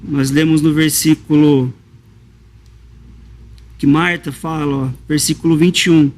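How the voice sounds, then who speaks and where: A man from Brazil preaching a sermon, reading scripture aloud and explaining it with emotion and slow, repeated emphasis. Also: fairly high pitch, fairly even intonation, a little mellow, a little hiss or hum.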